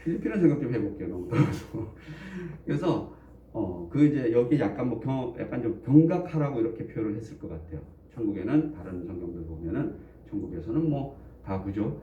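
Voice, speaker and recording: A man's voice: mid-range voice, big pitch swings, a little fast, a little hiss or hum. A man preaching a sermon in a conversational way, often putting questions to the congregation and joking between points. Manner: jokes and chuckles between points. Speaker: pastor. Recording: echoey room, distant dull mic.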